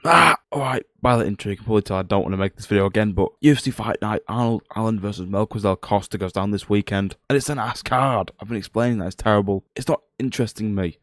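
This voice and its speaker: Young roadman guy doing fight picks, talks quick, lowish voice, sweary and fed up. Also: no room sound, clean studio sound. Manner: flat, low-energy, grumbling. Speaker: MMA prediction video host. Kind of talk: casual fight commentary.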